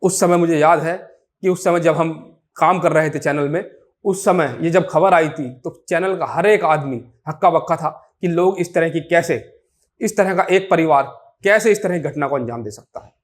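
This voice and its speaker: A man narrating a true-crime story in a measured, informal way, sometimes restarting a phrase. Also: fairly high pitch.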